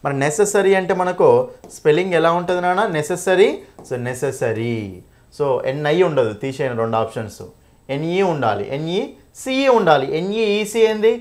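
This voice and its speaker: A man's voice: a little high, very animated, a little fast. A young man teaching an English exam-prep lesson, repeating points and checking in with "okay?" often.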